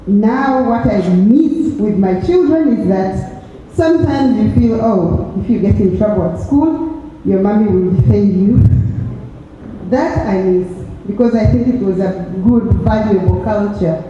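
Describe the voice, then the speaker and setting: A woman in her forties with a Ugandan accent, speaking in a measured, reflective way about her life and family. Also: medium pitch, dark tone, heavy reverb, big-room sound, far from the mic, dull audio, a little hiss or hum. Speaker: interviewee sharing experiences. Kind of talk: reflective personal talk.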